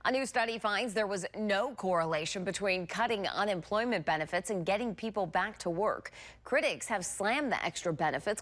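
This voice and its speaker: A woman's voice: medium pitch, a bit bright. A woman reporting in a scripted news narration style.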